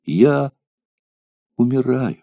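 A man voicing a dying young warrior who speaks faintly and slowly, his words fading. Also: medium pitch, animated, vocal fry, warm tone, dry recording, pitched above the performer's own voice, heavily acted. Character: dying young male warrior, weak and tender.

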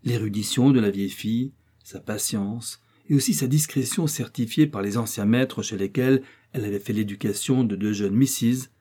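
Mellow husky male audiobook narrator. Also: mid-range voice. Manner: measured, expressive storytelling. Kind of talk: audiobook reading.

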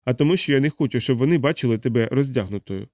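A man's voice: medium pitch, lively intonation, very fast, a little mellow, dry recording, studio quality, close to an everyday voice. A man voicing an insistent young man, lovestruck and bossy, who keeps laying down orders in exasperation.

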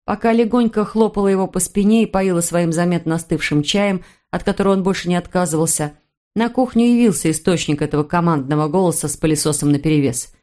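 A woman reading a novel aloud in first person, expressive and clear. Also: on the low side, fast. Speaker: audiobook narrator. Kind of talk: scripted narration.

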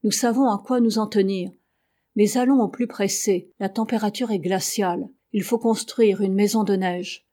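A woman voicing a loyal, gruff old male sailor in an audiobook, reading in an earnest, grave way. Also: mid-range voice, steady tone, normal speed, dark tone, natural voice.

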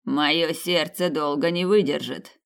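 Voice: mid-range voice, fairly even intonation, gravelly, fairly bright tone. A reader doing a winded, weary middle-aged man. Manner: slow, breathless, sighing. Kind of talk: audiobook character voice.

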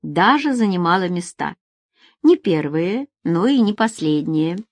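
A woman reading the part of a wary, quietly bitter married woman in a storybook, in a soft, anxious way. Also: fairly low pitch, lively intonation, measured pace, no echo. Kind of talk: audiobook character voice.

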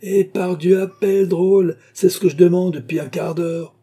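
A man with a husky voice reading a bold, commanding young prince in a period novel audiobook. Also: mid-range voice, moderate pace, dark tone. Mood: shouting.

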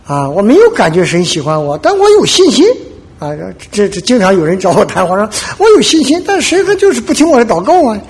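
A man's voice: sits high, huge pitch swings, fairly quick, husky. A man preaching a conversational sermon, telling Bible stories in a folksy way and checking with listeners. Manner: folksy storytelling, frequent "对吧" asides, acts out quotes.

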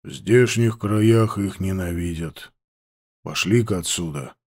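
Guy doing a grumpy low tracker dude, slow and clipped, growls his words. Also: darkish tone, full character voice. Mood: gruff. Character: gruff grim male tracker, curt and irritable. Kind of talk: audiobook character voice.

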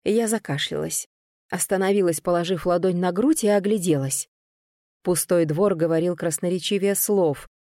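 A woman narrating a novel in the first person with expressive storytelling, close to the microphone. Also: on the low side, normal speed, no echo. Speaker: audiobook narrator.

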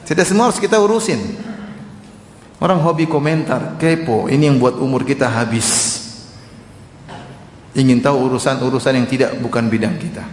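A man's voice: mid-range voice, normal speed, pauses often, slight background noise. A man preaching a sermon in a conversational, teasing way, often throwing rhetorical questions to his listeners. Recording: echoey hall reverb.

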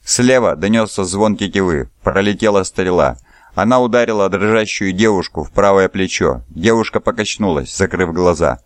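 Male audiobook narrator, steady storytelling, low voice, dry close mic. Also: moderate pace, no room sound. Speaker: audiobook reader. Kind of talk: scripted narration.

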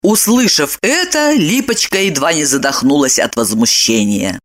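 A woman narrating an audiobook in an expressive storytelling manner. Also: low voice, normal speed. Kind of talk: scripted narration.

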